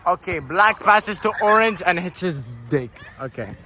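A man's voice: high voice, moderate pace. A young man filming a casual backyard football game on his phone and calling the play with playful jokes. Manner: playful, joking, excitable calls. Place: outdoors on a small pitch. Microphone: phone camera. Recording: phone video with shouting players around.

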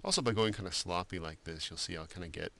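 A man giving a screen-recorded software drawing tutorial, talking loosely with many fillers and restarts. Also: low voice, quick pace, vocal fry. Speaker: art instructor.

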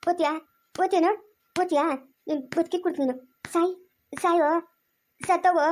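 Woman acting stern village mother, very high voice, rapid scolding, family drama. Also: steady tone, a little mellow, slight background noise. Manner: scolding, firing repeated questions. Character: harsh village mother scolding her young son.

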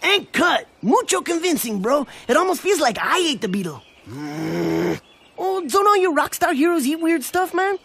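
Brash teen boy, all slang and swagger; high, bright. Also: sing-song, moderate pace, creaky, full character voice. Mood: hyped. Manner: slangy, boastful, rapping.

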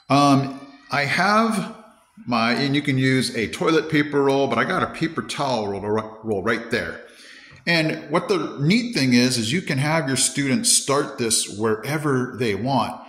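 An elementary teacher in his fifties hosts an upbeat classroom robot demo video, counting steps aloud into a phone held at arm's length. His voice is medium-pitched and a bit bright, and the indoor classroom sounds echoey.

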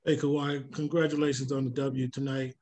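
A man's voice: medium pitch, level tone, fairly quick, darkish tone. A man reporter asking a rambling, stacked question over remote video call audio. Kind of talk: press conference question.

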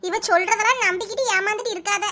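A woman's voice: very high voice, racing, sharp tone, a little hiss or hum. A woman with a Kanyakumari Tamil accent voicing bossy, food-loving village aunties in a cartoon, scolding and teasing. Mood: demanding. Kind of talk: cartoon voice acting.

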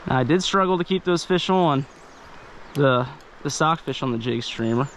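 Wading a river outdoors, a man with a mid-range voice fly fishes and chats casually to his head-mounted action camera, getting excited and talking to the fish as he lands them. Rushing stream water makes a faint river noise in the background.

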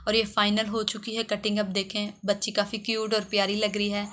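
Fairly quick and completely flat, a hairdresser's medium-pitched, slightly bright voice carries this how-to tutorial. As instructional voice-over, she explains step by step and often repeats herself.

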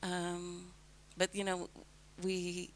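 On a radio show, an older woman from the United States, a resident invited as a guest, responds to questions in a calm, earnest, measured manner. Her lowish voice comes through a headset mic in a broadcast booth, with a slight hiss or hum.

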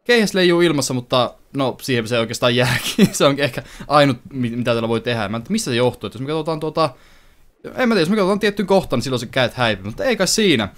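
A young man hosting a casual let's-play, chatting to viewers as he plays and breaking into excited outbursts. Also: medium pitch. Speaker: gaming channel host.

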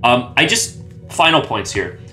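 A man's voice: mid-range voice, sing-song, unhurried, sharp tone, soft background music. A man talking casually as a gaming YouTuber, rambling and often restarting or correcting himself mid-sentence. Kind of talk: casual commentary.

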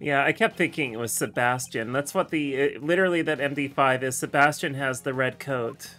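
A man's voice: medium pitch, normal speed, bright, forceful tone, soft background music. A man giving casual let's-play commentary as he streams a video game, venting his frustration and swearing constantly.

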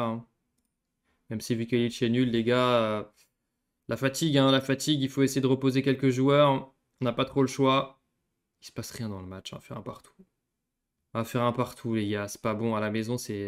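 A young man giving casual gameplay commentary as a YouTuber, swinging from excited yelling to low, cursing mutters. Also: clean tone. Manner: swings between excited yelling and muttered grumbling, swears often. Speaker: gaming YouTuber.

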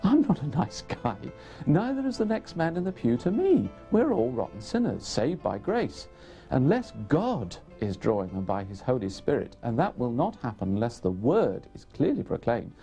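A man's voice: mid-range voice, huge pitch swings, moderate pace, mellow, faint music behind. A man preaching bluntly in an emphatic sermon.

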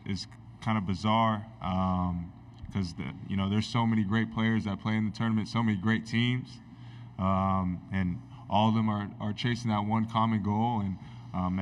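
A young man, a college basketball player, answering a question at a postgame press conference in an earnest, steady way with many fillers, into a table microphone. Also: lowish voice. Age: young adult. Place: indoor press conference room. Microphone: table microphone on stand.

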